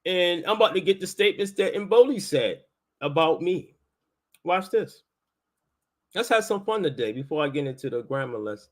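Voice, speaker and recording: This man from Baltimore, United States, has a fairly high voice with lively intonation and speaks at a moderate pace. He hosts a casual live talk with debate and teaches linguistics, explaining things in an insistent, colloquial way with his Baltimore accent.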